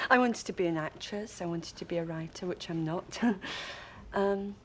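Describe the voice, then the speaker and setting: A woman's voice: lowish voice, moderate pace, fairly bright tone, a little hiss or hum, poor audio. A woman from Yorkshire with a Yorkshire accent, an actress guest answering modestly and giggling between her words. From Yorkshire, England. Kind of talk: chatty interview answers.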